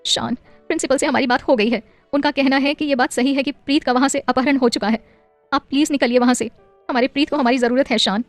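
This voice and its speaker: Lady voicing a panicky young mom in an audio story, pleading and tearful, pitched up, faint music underneath. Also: fairly even intonation, quick pace, no room sound. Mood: frantic. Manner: pleading, frantic. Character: young mother, anxious and tearful.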